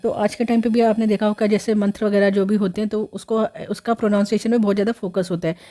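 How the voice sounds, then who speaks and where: A woman with a mellow mid-range voice and fairly even intonation explains a history lesson at a quick pace. This history teacher proceeds step by step, full of fillers and self-corrections, and mixes English words into her lecture.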